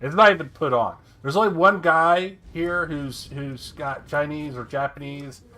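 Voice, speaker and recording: A man's voice: fairly high pitch, a little slow, bright, forceful tone. A man from Ohio chatting casually on a stream, stating his opinions bluntly and with emphasis. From Ohio, USA. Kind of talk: casual chat.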